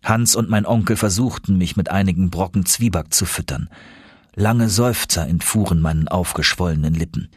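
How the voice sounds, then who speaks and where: Guy reading an adventure audiobook, steady, husky and low. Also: no room sound, studio quality. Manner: measured, steady first-person narration. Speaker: narrator.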